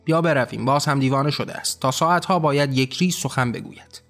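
A man's voice: mid-range voice, a bit bright, soft background music, lightly acted. A man voicing a weary, mocking male angel who grumbles sarcastically in a storybook reading. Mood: grumbling.

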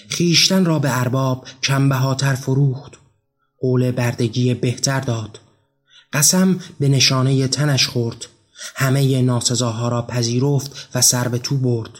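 Somber male storyteller over soft music. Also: mid-range voice. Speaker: narrator. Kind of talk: scripted literary narration. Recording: faint music behind the voice.

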